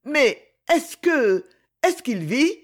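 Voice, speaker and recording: A man's voice: very high voice, sing-song, normal speed, voice pushed up. A man voicing a distraught, fiercely protective young sister. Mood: anguished.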